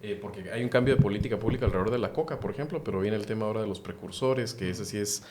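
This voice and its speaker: A man's voice: fairly low pitch, racing, noisy background. A man hosting a podcast panel, talking casually with many hesitations. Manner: animated, hesitant with fillers. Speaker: podcast host.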